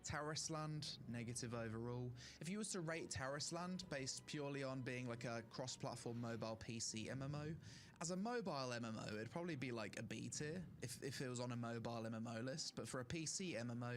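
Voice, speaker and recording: A man's voice: mid-range voice, brisk, a little hiss or hum. A young man streaming, giving casual opinionated rankings of online games with fillers, his throat strained from talking. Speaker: gaming streamer. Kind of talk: casual tier-list commentary.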